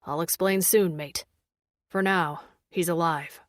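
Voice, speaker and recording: A woman voicing a massive male alien warrior who speaks in a low, calm, commanding rumble. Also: slow, no echo, studio quality. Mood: somber.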